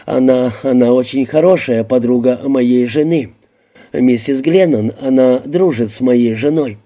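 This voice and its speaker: A man's voice: mid-range voice, unhurried, mellow, close to an everyday voice. A man voicing a stammering, terrified little man. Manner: stammering, pleading, shaky. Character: timid stammering small middle-aged man, terrified. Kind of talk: audiobook character voicing.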